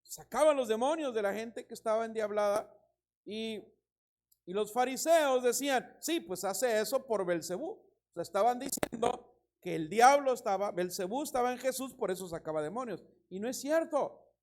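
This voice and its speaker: A man preaching a sermon as pastor, reading scripture and telling anecdotes with lively emphasis and a Mexican Spanish accent. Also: very high voice, moderate pace. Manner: animated preaching, reads scripture, tells anecdotes with laughter.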